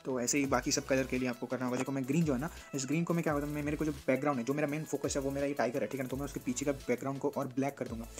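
A man walks through photo edits in a quick, casual tutorial, talking fast in a flat, even tone. He keeps checking in with the listener as he goes, with soft music playing underneath. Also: medium pitch. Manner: explains step by step, often checks in with "theek hai na". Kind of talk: casual screen-recorded tutorial.

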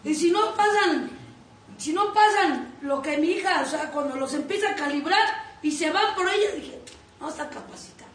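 A woman with a Mexican accent giving a blunt, profane testimony as a recovery group sponsor, often breaking into shouts. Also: extremely high pitch, normal speed. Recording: echoey room, distant mic, faint noise.

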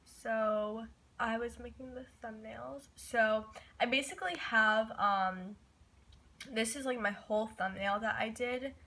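A woman's voice: a little high, fairly even intonation, slow, bright, forceful tone. A young woman YouTuber filming a casual tutorial vlog on her phone from her bed, talking in a chatty, rambling way full of "like" and "um". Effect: recorded on a phone. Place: sitting on her bed at home. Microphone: phone camera.

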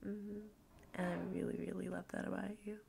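A young woman playing a cuddly, playful girlfriend who just woke up, in an ASMR role-play with a slow, sleepy, breathy morning voice. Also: fairly low pitch, little pitch movement, a crowd in the background. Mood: sleepy, affectionate. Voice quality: breathy half-soft voice with creaky fry.

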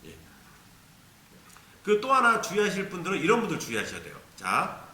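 A man's voice: high-pitched, wildly swooping pitch, moderate pace, reverberant, heavy background noise. A man teaching a beginner ocarina lesson, patiently explaining and demonstrating tonguing syllables aloud. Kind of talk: instructional video lesson.

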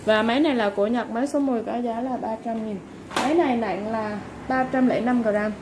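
A woman seller giving a polite, informal product sales pitch, going item by item with repeated stock phrases. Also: fairly quick. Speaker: online seller of used fishing reels. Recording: clearly noisy background ambience.

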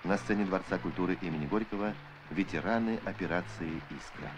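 A man narrating an old Soviet newsreel in a solemn, measured, declamatory scripted style. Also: deep voice. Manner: measured, declamatory documentary delivery. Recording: archival film soundtrack with music. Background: music.

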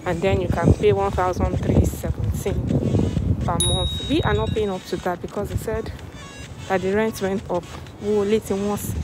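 A young woman chats into a phone held at arm's length as she walks through a snowy apartment complex. Her voice comes through a face mask, and she pauses often to search for words. Loud music plays under her talk. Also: medium pitch, low-quality recording. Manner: chatty, hesitant with many fillers. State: wearing a face mask against the cold. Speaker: vlogger. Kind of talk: casual walking vlog.

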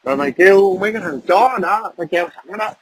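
A man's voice: sits high, quick pace, slightly rough, no room sound. A man, ranting aggressively and profanely into a phone camera at his workplace. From Vietnam. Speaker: vlogger. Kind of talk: angry ranting video message.

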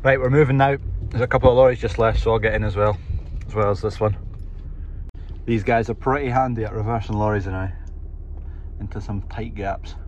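A man's voice: fairly low pitch, fairly even intonation, fairly quick, pauses often, dull audio. A man in his twenties with a Scottish accent, a farmer talking casually to camera for a vlog. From Scotland. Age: 20s. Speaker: cattle farmer and vlogger. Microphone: handheld phone at arm's length. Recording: very noisy farm, vehicle and market background.

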